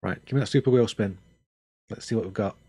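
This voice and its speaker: A man's voice: lowish voice, quick pace, mellow, slightly rough, no room sound. An older man chatting casually on a game stream, rambling with dry, self-mocking humor. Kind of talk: casual live-stream chat.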